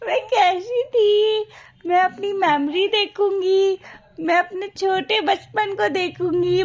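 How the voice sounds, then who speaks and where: A woman voicing a playful, chattering baby girl in a high, drawn-out baby-talk voice with a whiny, crying lilt.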